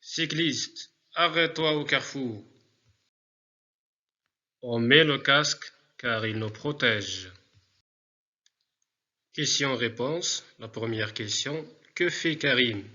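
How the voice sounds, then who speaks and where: A man teaching a remote spelling lesson to pupils, speaking deliberately and repeating words for dictation. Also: mid-range voice, pushed and bright, muffled recording.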